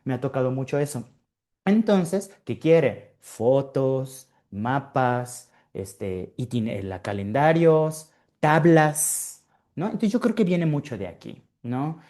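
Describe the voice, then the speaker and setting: Mellow-voiced man giving a webinar. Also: medium pitch, expressive, slow. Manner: conversational explaining, frequent tag questions and fillers. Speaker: webinar presenter. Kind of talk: informal online lecture.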